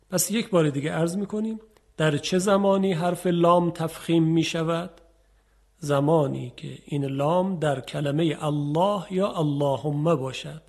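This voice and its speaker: A man's voice: fairly high pitch, a little mellow. A male Quran recitation teacher giving a patient explanatory lesson, repeating and demonstrating each example.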